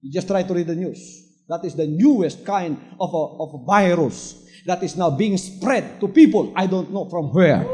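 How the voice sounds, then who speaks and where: A man with a Filipino accent preaching a sermon fervently, moving between Tagalog and English, dropping to a hush and then rising to shouts. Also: high-pitched. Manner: fervent preaching, sudden swings from hushed to shouting. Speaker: pastor.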